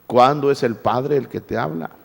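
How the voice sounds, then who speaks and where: A man's voice: medium pitch, moderate pace, gravelly, breathy edge, in a large hall. A male pastor preaching a sermon, firing rhetorical questions at the congregation and repeating his words. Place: church.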